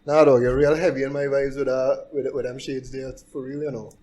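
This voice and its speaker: A man's voice: mid-range voice, flat delivery, brisk, over music. A man with a Trinidadian accent, a guest on a podcast, chatting in a laid-back, joking way full of slang. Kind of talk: casual podcast chat.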